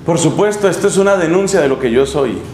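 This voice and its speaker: High-voiced friar preaching. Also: male voice, fast talker. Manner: lively storytelling, acts out scenes with humor. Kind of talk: sermon. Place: chapel in a monastery. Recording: echoey room, faint hum.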